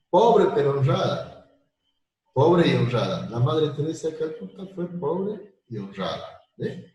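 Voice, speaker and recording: Slow-speaking male math teacher, echoey room. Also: mid-range voice, warm tone. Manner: slow, repetitive explanations with everyday examples. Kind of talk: live online lecture.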